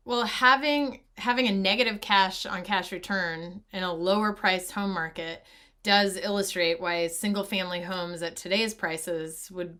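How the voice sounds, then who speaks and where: A woman's voice: lowish voice, sharp tone. A woman interviewing a guest, asking questions and reacting briefly to prompt him on.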